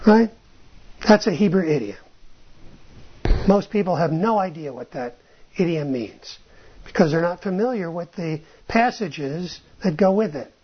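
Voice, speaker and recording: A Bible teacher with a husky, expressive, medium-pitched voice speaks at a measured pace with long pauses. He teaches informally, restarts phrases as he thinks aloud, and ends points with a questioning "right?" The sound is dull and lo-fi.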